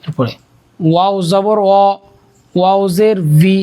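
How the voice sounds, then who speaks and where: A teacher leading a Quran reading lesson, chanting letter and vowel drills in a steady rhythm and then briefly explaining how to say them. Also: mid-range voice, takes it slowly. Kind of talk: slow drilled recitation lesson.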